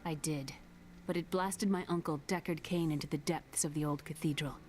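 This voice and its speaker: A woman's voice: deep voice, fairly even intonation, moderate pace, a little mellow, a little hiss or hum, natural voice. An actress playing a worried, earnest young woman in a fantasy video game. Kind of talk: video game character acting.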